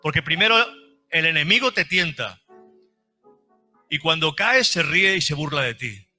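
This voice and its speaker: Male pastor preaching hard, really bright forceful tone, a bit higher voice, soft music behind. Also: animated, a little slow. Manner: fervent, repeats phrases for emphasis. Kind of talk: sermon. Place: church service.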